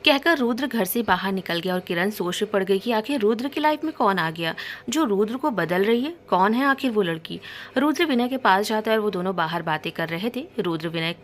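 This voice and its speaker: A woman reading a romance story aloud as scripted narration, voicing the dialogue in her own voice with a slight lift in pitch. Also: lively intonation, brisk, a little hiss or hum.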